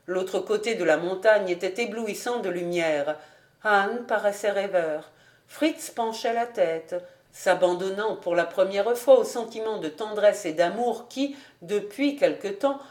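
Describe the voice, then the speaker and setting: A woman's voice: mid-range voice, a little mellow. Woman reading a classic novel aloud. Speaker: audiobook reader. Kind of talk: scripted audiobook narration.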